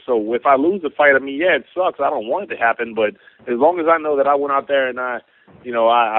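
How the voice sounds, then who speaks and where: A man on a phone line for a conference call, a fighter answering press questions in an excitable, rambling, slangy way. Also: medium pitch. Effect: heard over a phone line on a conference call. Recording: tinny, dry phone-line audio.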